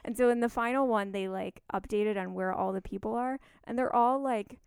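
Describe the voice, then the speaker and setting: A woman's voice: medium pitch, normal speed, darkish tone, clean tone, no room sound, studio quality. A woman co-hosting a podcast in casual chat, telling stories in a chatty way and laughing often. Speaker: podcast co-host.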